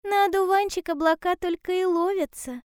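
A woman's voice: extremely high pitch, moderate pace, no echo, clean studio sound, voice pushed up. A woman voicing a small, cheerful male hedgehog in a storybook reading, eager and sure of himself. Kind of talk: storybook character voice.

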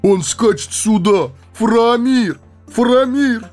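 A man's voice: fairly high pitch, lively intonation, measured pace, warm tone, soft background music, pitched above the performer's own voice. A man voicing an earnest, loyal male fortress guard who speaks urgently. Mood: alarmed.

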